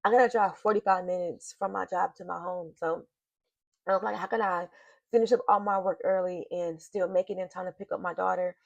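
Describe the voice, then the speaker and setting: A woman's voice: lowish voice, fairly even intonation, a little fast, creaky, dry recording, dull audio. Emotional woman vlogging from home. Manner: emotional, sighing, talking straight to viewers. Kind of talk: casual confessional vlog. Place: home office. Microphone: computer mic.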